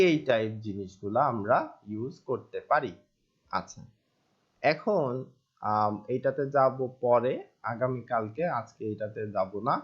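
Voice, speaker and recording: A man's voice: medium pitch, lo-fi sound. A man from Bangladesh teaching a recorded live online class, talking conversationally, mixing in English terms and asking himself questions before answering them. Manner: mixes English terms into colloquial Bengali. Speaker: online course instructor.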